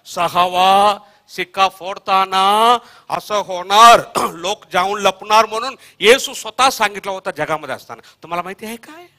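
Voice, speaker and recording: A man with a Marathi accent preaching a Bible study sermon, echoing verses after a reader and swinging between soft murmurs and loud shouted calls. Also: high-pitched, normal speed. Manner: repeats verses line by line after the reader, prompting with "हा". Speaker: pastor.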